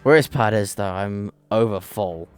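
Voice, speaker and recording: A man's voice: on the low side, measured pace, faint music behind. A man giving casual, rambling gameplay commentary, joking as he plays. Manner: rambling, jokey, often laughs. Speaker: gaming channel host.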